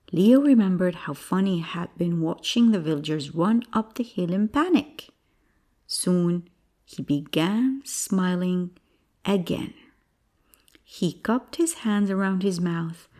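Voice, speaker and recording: A woman telling a children's bedtime story in a gentle, expressive narration. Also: on the low side.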